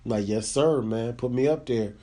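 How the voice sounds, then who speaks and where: A man's voice: medium pitch, normal speed, dark tone. Male podcast host, easygoing slangy delivery, mid-range voice, casual chat. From Midwest US (born Chicago, raised Michigan). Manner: laid-back, slangy, lots of fillers.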